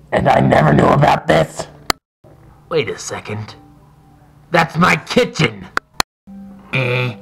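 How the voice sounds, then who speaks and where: Casting: a man as a flustered goofy host, gravelly voice, slow delivery, music under. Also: mid-range voice. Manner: flustered, incredulous exclamations. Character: bewildered adult male show host, easily flustered. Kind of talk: homemade comedy sketch.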